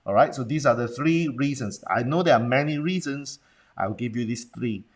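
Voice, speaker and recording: A man's voice: medium pitch, lively intonation, moderate pace. Blunt man with a Hong Kong accent. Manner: rhetorical questions and check-ins with the audience. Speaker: business presentation coach. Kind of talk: Facebook Live talk, coaching viewers.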